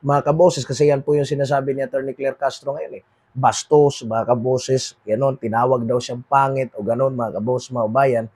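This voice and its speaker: A Filipino man with a Filipino accent hosting a political commentary monologue, moving between read English lines and Tagalog and dropping quieter at the end of phrases. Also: on the high side. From Philippines. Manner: switches between read English and Tagalog, repeats "mga kaboses, mga kababayan"; trails off quieter at phrase ends.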